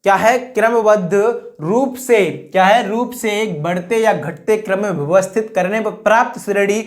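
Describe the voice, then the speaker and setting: A woman teaching an exam-prep chemistry lecture, her voice sitting in an ordinary middle pitch. She poses a rhetorical question, then repeats the answer to drive it home. Her sentences run on with "I mean" and "that is" as she talks her way through each point. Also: moderate pace. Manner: fills speech with 'I mean' and 'that is'.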